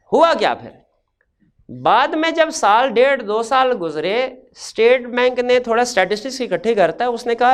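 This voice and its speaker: A man's voice: very high-pitched, clean tone. A man lecturing on accounting, asking his class questions and answering them himself, step by step. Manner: explains step by step, asks and answers own questions.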